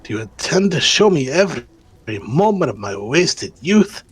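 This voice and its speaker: A man voicing a grumpy old male miser who mutters gruffly about his youth. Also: on the high side, sing-song, moderate pace. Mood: wistful grumbling.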